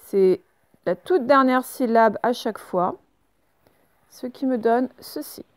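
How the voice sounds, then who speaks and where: A woman teaches young children to read, speaking slowly and carefully as she spells out each sound. Her voice sits a little high, and the recording is dry and close, with no room sound. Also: no echo. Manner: slow, clear, instructive, spelling out sounds. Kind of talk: remote reading lesson for young children.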